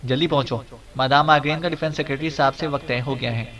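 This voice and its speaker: A man's voice: medium pitch, a bit bright, lightly acted. A man voicing a stern, sly secret agent. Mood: stern, commanding. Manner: commanding, clipped, playful. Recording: distant mic.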